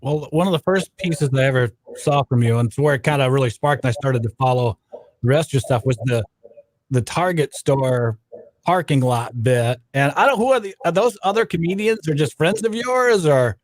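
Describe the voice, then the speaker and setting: A man's voice: fairly high pitch, normal speed, no echo, poor audio. A man hosting a casual radio interview in an enthusiastic, fan-like manner.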